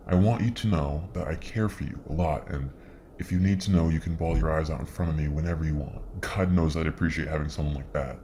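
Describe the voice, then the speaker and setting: Low-voiced man reading both sides of a chat log aloud, quiet and even, faint hiss behind. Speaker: reader.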